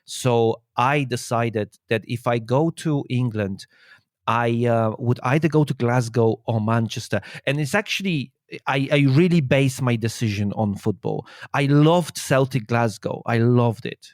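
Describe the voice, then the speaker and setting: Man, thirties, interview guest, halting repeated words, mid pitch, dry sound. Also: no echo. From Poland. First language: Polish. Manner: hesitant, repeats words while finding his thoughts. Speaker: guest, urban explorer and maths teacher. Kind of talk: casual interview chat.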